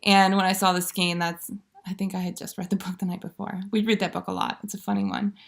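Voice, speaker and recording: A woman's voice: medium pitch, level tone, fast talker, creaky. A woman in her thirties hosting a knitting video, chatting casually and rambling with fillers and giggles. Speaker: knitting podcast host. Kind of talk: casual show-and-tell chat.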